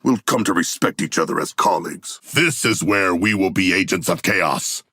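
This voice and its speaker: An actor voicing a hulking, earnest, battle-hungry shark brute in a video game, with a rough, gravelly voice and formal, articulate, literal-minded diction. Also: male voice, sits low, lively intonation, moderate pace, sharp tone, dry recording, studio quality, full character voice. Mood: calm, earnest. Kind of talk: video game character voice lines.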